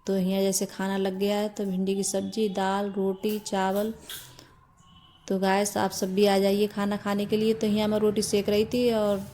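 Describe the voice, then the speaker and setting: A young woman narrating her own home vlog in a casual, unhurried way, with lots of filler words. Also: medium pitch, completely flat delivery, mellow, slight background noise. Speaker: home vlogger.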